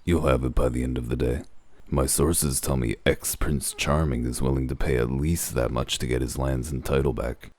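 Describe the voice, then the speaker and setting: Bigby, an extremely deep-voiced wolf detective, acted by a man. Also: steady tone, normal speed, a little mellow, dry recording. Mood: menacing. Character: gruff, wry male wolf detective. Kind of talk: comic dub voice acting.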